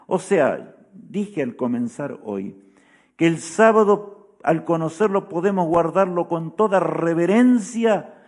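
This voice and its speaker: A man's voice: a little high, animated, slow pace, darkish tone. A man preaching a sermon in a solemn teaching tone, often asking his listeners "¿verdad?" as he goes.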